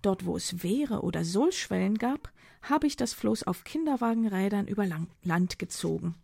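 A woman voicing a defiant, proud performance artist in an audiobook, with a husky, gravelly voice. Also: mid-range voice, expressive, moderate pace, a little mellow, no room sound, clean studio sound. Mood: explaining. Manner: defiant and indignant.

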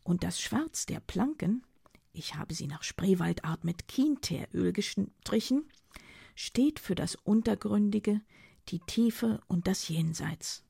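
A woman voicing a defiant, proud performance artist in an audiobook, with a husky, gravelly voice. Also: mid-range voice, expressive, takes it slowly, warm tone, no echo, studio quality, exaggerated voice. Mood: explaining. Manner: defiant and indignant.

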